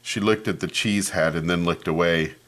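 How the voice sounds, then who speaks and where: In a low voice at normal speed, a man reads aloud from a children's picture book. He tells it expressively and talks about the pages as he turns them.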